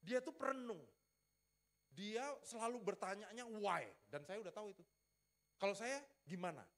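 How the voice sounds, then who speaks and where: A male pastor preaching in a relaxed, playful storytelling manner, joking with the congregation and acting out conversations with his wife. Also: high-pitched, normal speed. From Riau, Sumatra, Indonesia. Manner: lively storytelling with playful asides, acts out dialogue. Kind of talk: sermon. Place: church.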